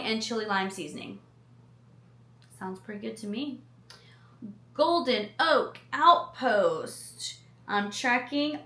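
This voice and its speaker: A woman's voice: a little high, a bit bright, roomy sound. A woman food vlogger reading menu items aloud and adding chatty personal asides. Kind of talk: casual chat reading a menu.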